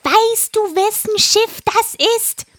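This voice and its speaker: A woman voicing an excitable male parrot in a children's story, talking in excited, stammering squawks. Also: very high voice, slow, dry recording, studio quality, voice pushed up, full character voice. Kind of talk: storybook voice acting.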